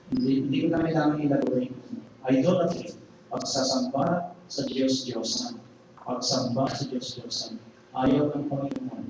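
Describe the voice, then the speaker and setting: A man with a Filipino accent preaching a sermon in a chatty way, often checking in with the congregation with little tag questions. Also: medium pitch. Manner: conversational, peppered with "okay?" and "no?" tag questions. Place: large church hall. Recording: echoey hall, mic at a distance, noisy live stream.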